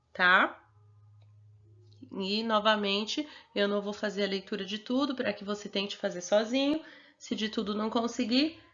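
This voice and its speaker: A woman's voice: a little high, a bit bright, highs cut off. A woman teacher with a Brazilian Portuguese accent, giving a recorded lesson to young children and patiently sounding out words syllable by syllable.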